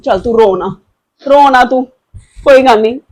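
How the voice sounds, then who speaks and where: Woman acting as a tough protective mom, high voice, firm and soothing. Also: moderate pace, darkish tone, lightly acted. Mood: reassuring. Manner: firm and defiant, soothing her daughter. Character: protective, fierce middle-aged Punjabi mother. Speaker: mother. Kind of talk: scripted family drama.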